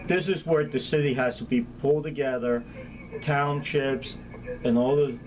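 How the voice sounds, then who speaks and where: With crowd noise and a rough recording, plus clear, steady background ambience, a middle-aged county hazmat chief speaks in a mid-range voice at moderate pace. His Spanish accent carries through as he gives practical, no-frills answers in an informal interview.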